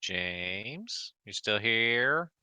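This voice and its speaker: A man's voice: lowish voice, big pitch swings, very slow, pushed and bright, clear, resonant tone, dry recording. A man playing in a tabletop game, joking and laughing with friends. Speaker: player. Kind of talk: casual tabletop game chat.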